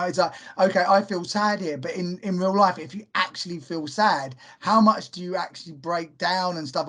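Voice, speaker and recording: A man with a notably high speaking voice talks films on his podcast, lively and quick to laugh. He throws in jokey asides as the conversation runs on. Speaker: podcast host. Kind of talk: casual film chat.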